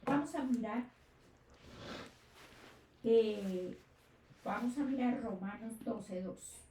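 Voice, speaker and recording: Woman preacher, higher register, questioning delivery; distant mic in a roomy space. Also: slow, dark tone, a little hiss or hum. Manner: asks rhetorical questions and checks in with listeners. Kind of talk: sermon. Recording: echoey room, distant mic.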